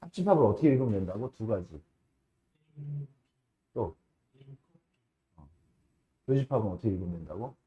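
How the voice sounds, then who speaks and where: A man teaching a math class in a casual lecture style, often checking with his students and slowing down to stress key terms. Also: lowish voice, animated, muffled recording. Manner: casual, asks students frequent checking questions.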